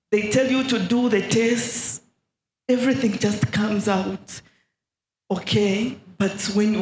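A middle-aged woman from Zambia giving a halting healing testimony in church, speaking into a handheld mic. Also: mid-range voice, darkish tone, slight background noise. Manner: slow and halting, with many pauses. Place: large church hall. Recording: echoey hall.

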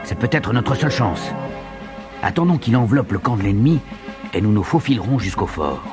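Guy doing a higher scout voice for an audio story, urgent, lively, music loud underneath. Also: brisk. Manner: urgent, practical. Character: male frontier hunter and scout, steady guide. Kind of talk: audiobook character voice.

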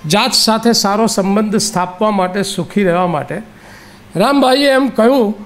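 High-voiced man giving an inspirational lecture. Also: moderate pace. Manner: conversational storytelling with repeated phrases.

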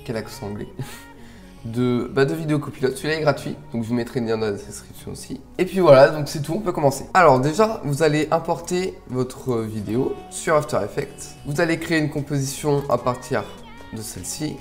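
A man hosting a casual software tutorial, relaxed and a little rambling as he explains each step. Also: mid-range voice, fairly quick, soft background music. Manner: relaxed, chatty, slightly rambling. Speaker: video tutorial host.

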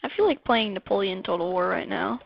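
A woman giving casual gameplay commentary, rambling and excitable, blurting out weapon names as she plays. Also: medium pitch, brisk, gravelly, a little hiss or hum. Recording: dull lo-fi dry mic.

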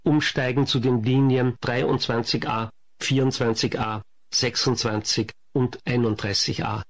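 Male subway announcer, medium pitch, formal scripted delivery of station announcements. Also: fairly even intonation. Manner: formal, measured listing of stops and transfers.

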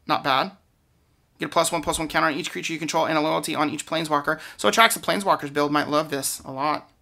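A man talks through a card pack opening in a bright, forward voice with a gravelly creak at its edges. His commentary is casual and unscripted, and he often hesitates or leaves a thought hanging. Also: fairly high pitch, fairly even intonation, quick pace.

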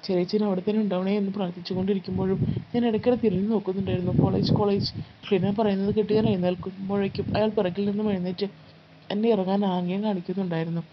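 A woman narrating a first-person life story in a calm, steady storytelling read. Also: mid-range voice, racing. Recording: slightly muffled with faint background noise.

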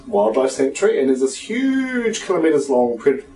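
A man's voice: medium pitch, very animated, moderate pace, warm tone. A man with a broad New Zealand accent hosting a casual live chat, playful and chatty. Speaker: talk show host. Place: small living room, indoors. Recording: roomy, distant microphone.

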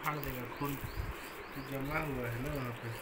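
Woman speaking softly over household noise. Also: very deep voice, steady tone, moderate pace. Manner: soft, affectionate baby talk. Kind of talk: casual family chat. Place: home.

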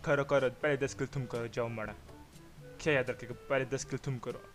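A man with a Pakistani Urdu accent commentates his own game in a comic, excitable way. He calls enemies names and reacts loudly to every shot. Background music plays under his voice the whole time. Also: mid-range voice, moderate pace. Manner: excitable, mock-insulting, shouting at opponents. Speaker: gamer giving funny commentary.

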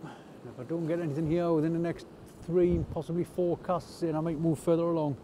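A man's voice: fairly high pitch, steady tone, fairly quick, dark tone. Man on a windy night shore. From North East England. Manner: chatty, self-deprecating, understated. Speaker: angler vlogger. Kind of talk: casual fishing vlog narration. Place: outdoors on rocky shore at night, wind and rain. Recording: outdoor camera audio with faint wind noise.

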